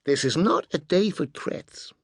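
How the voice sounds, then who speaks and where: A loud, brash middle-aged tycoon with a high, brassy voice, as an audiobook narrator puts him on. He talks big and effusive, pushing every line. The recording is dry and close. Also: lively intonation, a little slow, no room sound, exaggerated voice.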